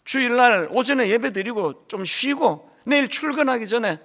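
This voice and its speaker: A man's voice: extremely high pitch, expressive, moderate pace, sharp tone. A man preaching a sermon as a pastor, telling stories and acting out the voices of his church members. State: lingering cold.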